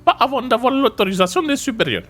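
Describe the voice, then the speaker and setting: An excitable male police chief from a game, talking high and bouncy with a Marseille accent, as a man puts him on. His voice leaps around constantly, with soft music in the background. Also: fast talker, exaggerated voice. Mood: briefing. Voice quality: high and bright.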